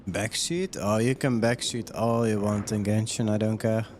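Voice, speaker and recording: This streamer's voice is on the low side and a little mellow, with fairly even intonation and a moderate pace. Playing live, he chats casually, reads on-screen text and chat, and questions himself as he thinks aloud. A slight hiss or hum is audible.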